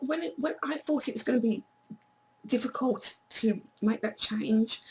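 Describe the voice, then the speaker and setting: A woman chatting casually to camera in a vlog, her voice hoarse and failing, blunt and swearing now and then. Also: fairly high pitch, a little hiss or hum, low-quality recording. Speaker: vlogger.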